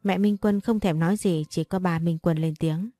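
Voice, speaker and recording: A woman tells a first-person story in a mellow, dark-toned voice, speaking a little low. She reads all the characters' lines in her own voice. The recording is close and dry, with faint music underneath. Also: fairly even intonation, normal speed, dry recording.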